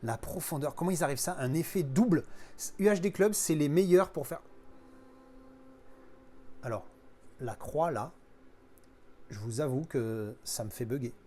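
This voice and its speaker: Excitable man unboxing a collector's box. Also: fairly high pitch, a little slow, long pauses. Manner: enthusiastic, swearing, exclaiming. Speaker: collector unboxing a disc edition. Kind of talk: casual unboxing commentary.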